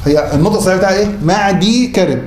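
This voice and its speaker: High-voiced Egyptian man teaching a class. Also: very fast, a little mellow. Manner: asks the class questions and answers them himself. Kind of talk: classroom lecture. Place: classroom or mosque hall. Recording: roomy hall with faint noise.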